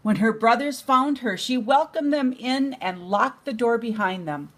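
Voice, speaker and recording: A grandmother reads a bedtime storybook aloud to a child, taking her time and putting plenty of expression into it. Her voice sits a little high.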